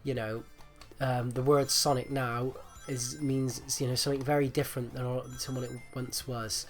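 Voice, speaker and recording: Male gaming host, mid-pitched, chesty and phlegmy as if getting over flu, rambling casual delivery over music. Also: little pitch movement, moderate pace. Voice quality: rattly, chesty, congested voice. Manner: hesitant, rambling, repeats himself. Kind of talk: casual gameplay commentary.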